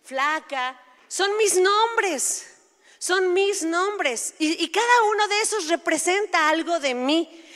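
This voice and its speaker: Woman, forties, high voice, animated preacher with playful asides, long hall reverb. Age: 40s. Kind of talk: sermon.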